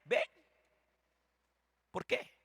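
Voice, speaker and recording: A man's voice: very slow, a bit bright, no room sound, studio quality. A man with a Costa Rican accent preaching a sermon as pastor, fervently calling out to the congregation and firing rhetorical questions at them.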